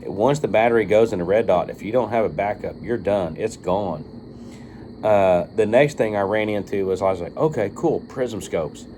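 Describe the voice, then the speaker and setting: A man's voice: fairly low pitch, normal speed, mellow, a little hiss or hum. A man talking casually off the cuff to viewers as a video reviewer, rambling and informal with some swearing. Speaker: video reviewer of firearm optics. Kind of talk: casual unscripted monologue to viewers.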